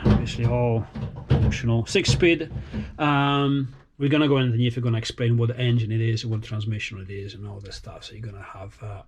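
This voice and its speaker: A man who grew up in Italy, whose first language is Italian, speaks English as a second language in a mid-range voice. He rambles casually with many fillers and restarts while showing off his race car.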